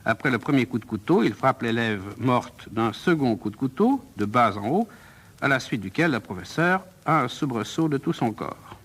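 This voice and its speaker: A man reading a play's stage directions in a calm, measured way. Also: mid-range voice, breathy edge. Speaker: reader.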